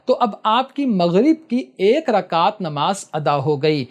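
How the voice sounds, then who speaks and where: A man's voice: high voice, big pitch swings. Patient man teaching prayer steps. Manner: patient, repeatedly tells listeners to listen carefully; switches to slow chanted recitation for prayer texts. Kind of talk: step-by-step spoken instruction.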